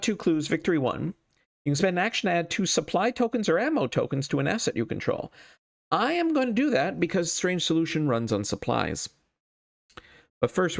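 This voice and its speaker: A man's voice: on the high side, creaky. A man thinking aloud as he hosts a solo card game playthrough, casual and wryly self-deprecating.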